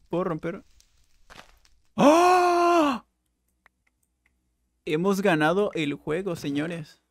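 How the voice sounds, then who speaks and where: A young man giving casual, jokey Minecraft let's play commentary, with bursts of excited exclaiming. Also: on the high side, creaky, no room sound. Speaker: gaming YouTuber.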